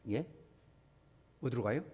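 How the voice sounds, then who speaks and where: A man preaching a Sunday sermon as pastor, animated, acting out scolding relatives in quick asides. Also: medium pitch, slightly rough. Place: church sanctuary. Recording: church hall reverb.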